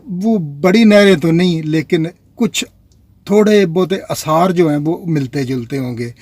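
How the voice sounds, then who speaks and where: Speaking unhurriedly, a man from Pakistan chats and meanders through a casual vlog, talking straight to viewers he calls "nazreen." The pitch is fairly high, the tone darkish, and the recording dry.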